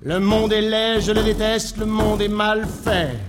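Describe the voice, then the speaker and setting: A man's voice: high-pitched, steady tone, unhurried, over music. A man voicing a gloomy, grumpy man who grumbles in a whiny, repetitive way. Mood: grumbling.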